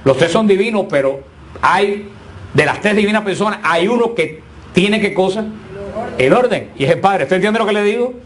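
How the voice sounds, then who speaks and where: A man's voice: sits high, lively intonation, moderate pace, a little hiss or hum. Man lecturing a Bible class. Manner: asks the class questions, repeats himself. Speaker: Bible teacher.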